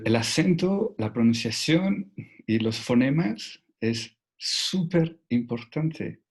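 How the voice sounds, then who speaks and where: A man's voice: fairly low pitch, husky. A man teaching a French lesson online, patient and repeating key words. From Mexico.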